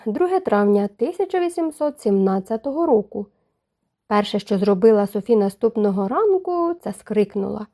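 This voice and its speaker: Mellow-voiced woman reading an audiobook. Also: on the high side. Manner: measured, expressive reading. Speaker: audiobook narrator. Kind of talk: scripted audiobook narration.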